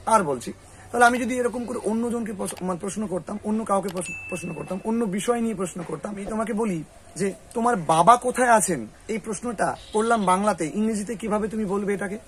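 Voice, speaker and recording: A man with a Bengali accent teaching spoken English, quizzing a student patiently and repeating phrases slowly. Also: sits high, fairly bright tone, a little hiss or hum. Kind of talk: classroom lesson.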